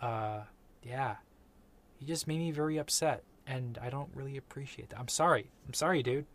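A man co-hosting a podcast who talks about a movie in a rambling, halting way. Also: mid-range voice. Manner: rambling, halting, many fillers. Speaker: podcast co-host. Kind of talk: casual movie review chat.

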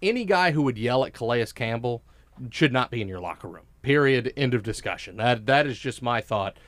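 A man co-hosting a sports talk show, arguing his opinions emphatically with quick restarts. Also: medium pitch, lively intonation, dry recording.

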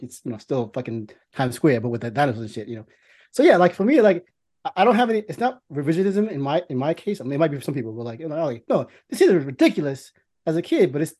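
A middle-aged New Yorker co-hosts a podcast, chatting casually about films while rambling, repeating words, and swearing freely. His voice is warm in tone and sits on the high side.

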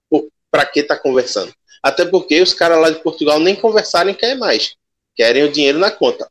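A man's voice: a little high, a bit bright. A man giving colloquial, emphatic sports commentary as a podcast panelist.

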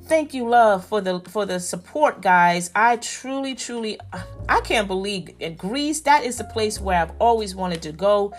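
Slow-talking woman podcast host. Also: medium pitch, expressive, soft background music. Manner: slow, stumbling over place names, apologetic. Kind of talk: casual listener shout-outs.

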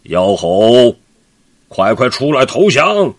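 A man's voice: lowish voice, sing-song, slow, breathy edge, no echo, full character voice. A man voicing a huge, threatening heavenly general who bellows challenges. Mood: bellowing. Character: loud hulking giant heavenly general, male.

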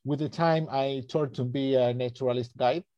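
A man's voice: medium pitch, steady tone, moderate pace, mellow, dry recording, muffled recording. A man in his thirties from Argentina, with an Argentine accent, a native Spanish speaker, answering interview questions as a guest naturalist guide in a friendly, hesitant way. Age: 30s.

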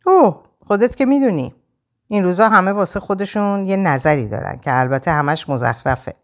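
A woman's voice: on the low side, expressive. A woman narrator voicing a casual, easygoing female housemate with a breezy, offhand manner.

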